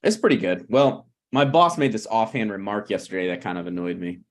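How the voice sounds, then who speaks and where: A man in his thirties, taking part in a table read, portrays a prickly, needy screenwriter who is struggling and speaks in a pressing, conversational manner. Lightly acted and aggrieved, his voice sits on the low side and runs a little fast.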